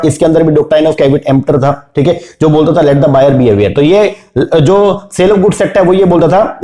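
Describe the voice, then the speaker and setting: A man teaches an exam revision lesson in a fairly high but mellow voice. He keeps asking rhetorical questions and answering them himself, letting his pitch fall on each key term. The room around him is echoey.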